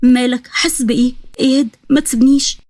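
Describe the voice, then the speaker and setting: A woman's voice: sits high, fairly even intonation, fast talker, a little mellow, dry recording, studio quality. A woman with an Egyptian accent voicing a young captive princess who reproaches her brother. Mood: tender. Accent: Egyptian Arabic. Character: young captive princess, bitter yet loving sister.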